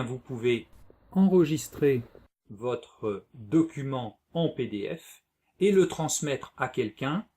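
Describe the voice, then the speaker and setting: A man presenting a software tutorial as a screencast voice-over, explaining methodically step by step. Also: mid-range voice, breathy edge. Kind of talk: instructional screencast narration.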